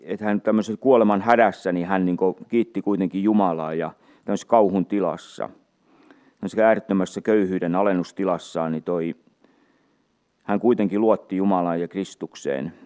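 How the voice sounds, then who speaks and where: Low-voiced man teaching from the Bible. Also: fairly even intonation, darkish tone. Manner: unhurried, many fillers and restarts, reads scripture aloud. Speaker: preacher.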